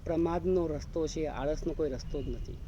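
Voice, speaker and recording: Dull, lo-fi audio with faint background noise captures a monk's evening sermon. His voice sits fairly high and warm, moving at a brisk clip as he repeats phrases to drive each point home and peppers listeners with rhetorical questions.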